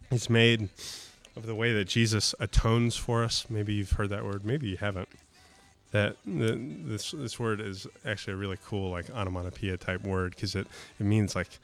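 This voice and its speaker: A man preaching at a medium pitch in an easygoing way that is full of casual fillers. He builds to loud, emphatic peaks and then drops into quiet, drawn-out asides. Faint music plays behind him. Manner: conversational preaching, shifts between emphatic swells and soft, slow asides. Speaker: pastor. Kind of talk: sermon.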